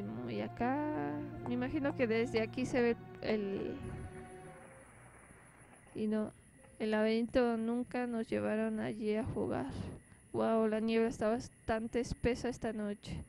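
A woman's voice: fairly high pitch, steady tone, a little slow, gravelly, mellow. A woman streaming a horror game, reading its dialogue aloud and breaking off with startled exclamations. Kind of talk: let's play commentary, reading game text aloud. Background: game music.

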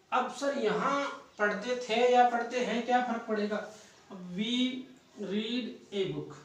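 Male teacher, high voice, classroom drill style, heard from off-mic. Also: far from the mic. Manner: asks questions and answers them himself. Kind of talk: classroom grammar lesson. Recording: echoey room, voice from off-mic.

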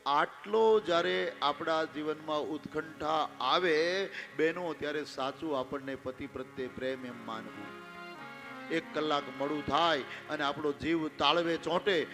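A man's voice: fairly high pitch, moderate pace, over music. A man with a Gujarati accent preaching a devotional sermon, telling the story expressively and speaking straight to his audience. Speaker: Ram Katha preacher. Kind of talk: devotional sermon with sung verses.

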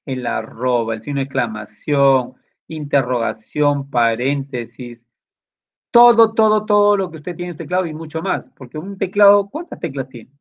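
A man's voice: fairly high pitch, normal speed, vocal fry. A man teaching a computer class, walking students through each step and checking in with short questions. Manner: explaining step by step, with many tag questions. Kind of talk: classroom lesson. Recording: dull lo-fi sound.

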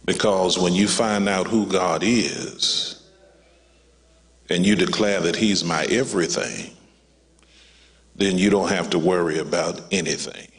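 A man preaching a funeral sermon as pastor, calling his listeners "child of God" and building to a high, excited pitch. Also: a little slow, long pauses. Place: church sanctuary. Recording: long church reverb.

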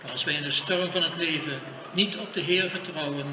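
A man's voice: a little high, a little fast. An older man, a priest, giving a solemn funeral sermon and reading scripture aloud. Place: church during funeral service. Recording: echoey hall from far off, noisy.

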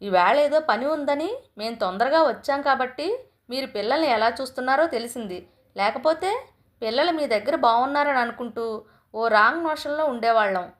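A woman's voice: sits high, animated, normal speed. A woman voicing an indignant young mother who sharply scolds her mother-in-law in a storybook reading. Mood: accusing.

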